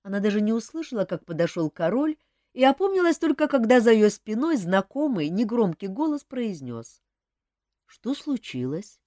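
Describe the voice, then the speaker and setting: A woman narrating a story with an expressive, dramatic reading. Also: on the high side, fairly quick, no echo, clean studio sound. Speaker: audiobook narrator. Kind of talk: scripted narration.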